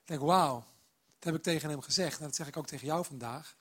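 Preacher, man, high husky voice, warm storytelling sermon delivered straight to the congregation. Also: racing.

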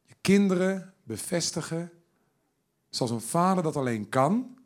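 Man, pastor, sermon, jovial, emphatic, lively intonation. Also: fairly high pitch, measured pace.

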